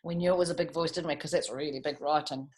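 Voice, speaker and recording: With a deep, darkish voice and fairly even intonation, a woman talks fast as she hosts a storytime for kids. She reads aloud animatedly, asking her young audience questions and dropping in asides.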